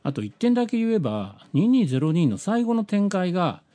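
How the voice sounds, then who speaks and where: A man from Hiroshima with a Hiroshima accent chats casually on a live stream, his pitch jumping widely as he acts out quoted back-and-forths. His voice is soft and mellow rather than bright. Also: moderate pace. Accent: Hiroshima Japanese. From Hiroshima, Japan. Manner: animated storytelling, acts out quoted conversations. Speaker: streamer answering viewer messages.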